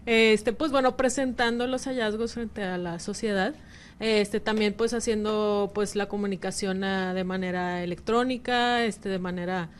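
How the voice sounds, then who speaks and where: A woman's voice: medium pitch, steady tone, moderate pace, slight background noise. A woman doctoral student presenting her drawing, hesitant with many fillers.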